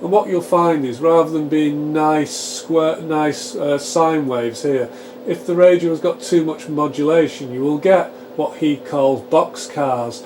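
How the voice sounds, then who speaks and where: Clear fan noise from test equipment hums steadily as a man with a fairly high voice demonstrates a repair in his small home workshop. Unhurried, the radio repair channel presenter thinks aloud and explains each step live as he works.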